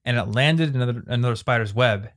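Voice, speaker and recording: A man's voice: medium pitch, quick pace, a bit bright. A man in his twenties hosting a podcast, telling a story in a loose, chatty way. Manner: chatty, storytelling, trailing off into asides. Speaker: podcast host. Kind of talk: casual chat.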